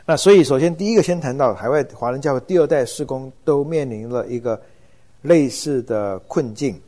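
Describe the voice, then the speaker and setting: A middle-aged man teaches in a relaxed, unhurried lecture. His voice is mellow and warm, and he often pauses with hesitation fillers as he thinks aloud. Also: medium pitch. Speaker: church ministry lecturer. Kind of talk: informal lecture.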